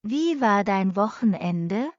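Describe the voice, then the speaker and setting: A woman reading short practice sentences for a language lesson, saying each one twice, slowly and evenly. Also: mid-range voice, lively intonation, no echo. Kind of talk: slow repeated phrase reading for learners. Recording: dull lo-fi dry recording.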